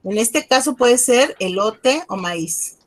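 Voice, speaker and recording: Woman teaching french on a video call, a bit high-pitched, friendly and coaxing. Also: lively intonation, slow. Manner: friendly, coaxing, switches between Spanish and French. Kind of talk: online class teaching.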